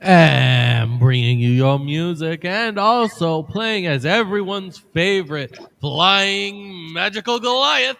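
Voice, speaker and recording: A man with a high, bright voice speaks very slowly and sounds gravelly. He is the live music provider and a player in a tabletop game, keeping a laid-back manner. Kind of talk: casual game chat.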